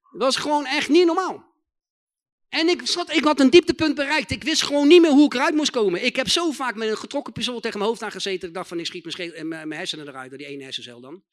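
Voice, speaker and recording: A man preaching a testimony sermon in slangy, emphatic talk, repeating his phrases and building to loud proclaiming. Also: very high-pitched.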